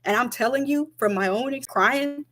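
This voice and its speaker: A woman's voice: a little high, fairly quick. Chatty young woman talking straight to camera. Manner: chatty, emphatic, repeats points. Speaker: vlogger. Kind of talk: casual talk to camera.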